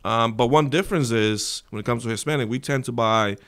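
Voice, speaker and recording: An earnest man in his thirties from the Dominican Republic talks through his work as a guest on a studio podcast. He speaks close to a desk microphone at a middle pitch, often restarting his sentences as he explains. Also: fairly quick, fairly bright tone. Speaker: real estate agent, guest. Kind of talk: podcast interview. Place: small studio with wood-panel wall. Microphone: desk mic on stand.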